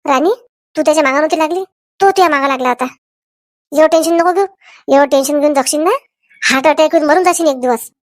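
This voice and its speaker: A woman's voice: high-pitched, quick pace, pauses often, no room sound, clean studio sound, natural voice. A woman voicing a gossipy, meddling middle-aged village aunt in a cartoon. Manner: nosy, chatty, scolding. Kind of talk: cartoon voice acting.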